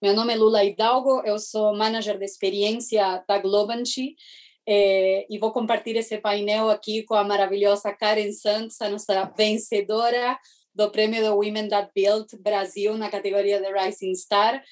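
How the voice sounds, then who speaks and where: Woman, Argentine Spanish accent, native Spanish speaker, panel moderator, welcoming, gently questioning. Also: mid-range voice, little pitch movement, moderate pace.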